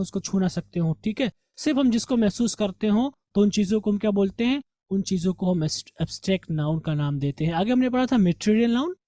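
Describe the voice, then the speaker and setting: Mellow teacher asking and answering questions. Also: male voice, sits high, dry recording. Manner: asks rhetorical questions, then answers them himself; patient, step-by-step explaining. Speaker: English teacher. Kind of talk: grammar revision lesson.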